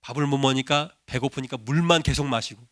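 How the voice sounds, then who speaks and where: A man preaching a sermon as pastor, telling a story and acting out desperate prayers, at times loud and pleading. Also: medium pitch, fast, dry recording, clean studio sound. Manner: acts out quoted prayers, rising to loud pleading.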